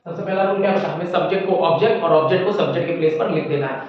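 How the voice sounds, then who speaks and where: एक पुरुष अंग्रेज़ी शिक्षक जो अपने विद्यार्थियों को "बेटा" कहकर व्याकरण पढ़ाता है और उदाहरण धीरे-धीरे बोलकर लिखवाता है।. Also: male voice, on the high side, very echoey, recorded from a distance, highs cut off, slight background noise. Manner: addresses students as children, slow dictation of examples. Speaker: English teacher. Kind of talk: classroom grammar lesson.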